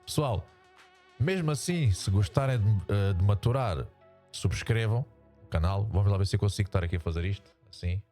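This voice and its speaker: A man's voice: lively intonation, brisk, music in the background. A man with a European Portuguese accent, his voice run through a voice changer, talking casually to viewers in a rambling way with many restarts. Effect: voice changer, pitched down. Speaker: YouTuber reacting to a sports show.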